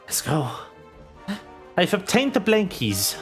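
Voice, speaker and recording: Slow, chatty woman streamer. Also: fairly low pitch, soft background music. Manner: relaxed, wry, chatty asides to herself. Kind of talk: casual livestream gameplay chat.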